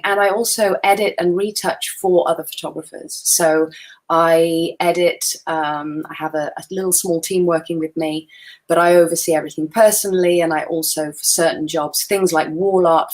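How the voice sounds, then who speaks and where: A woman's voice: lowish voice, fairly even intonation, moderate pace. A woman in her forties, a photographer presenting in a chatty, self-deprecating way over a video call. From Wales. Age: 40s. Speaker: guest photographer. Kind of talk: webinar presentation.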